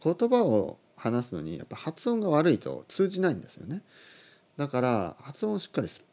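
A man in his thirties teaching on a casual podcast, animated, chuckling, and correcting his own phrasing aloud. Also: on the high side, a little fast. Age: 30s. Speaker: Japanese language teacher, podcast host.

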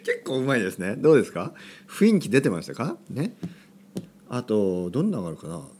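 A man's voice: medium pitch, huge pitch swings, a little fast, a little mellow, slightly rough. A man hosting a podcast for language learners, talking in a playful, jokey way and exaggerating for fun. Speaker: podcast host teaching Japanese.

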